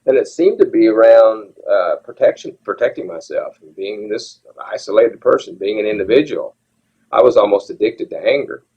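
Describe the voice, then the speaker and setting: The interview guest, a man in his 70s, has a fairly low, husky voice that's a bit mellow and animated, moving at normal speed. He talks openly and thoughtfully, frequently starting sentences over. The recording is lo-fi and dull.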